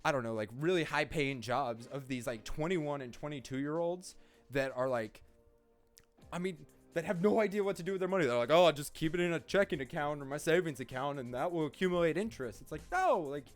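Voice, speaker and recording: Rambling young man, lively voice. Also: on the high side, fairly quick, faint music behind. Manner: rambling, heavy use of "like". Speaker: co-host playing a video game. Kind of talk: casual chat over gameplay.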